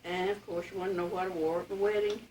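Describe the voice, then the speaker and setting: An elderly woman with an Appalachian accent and a fairly low voice. She talks in a plain, folksy, reminiscing way. The recording is faintly noisy, with the mic some distance off. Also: little pitch movement, fast, darkish tone. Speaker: interviewee telling family history. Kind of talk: casual oral-history reminiscence.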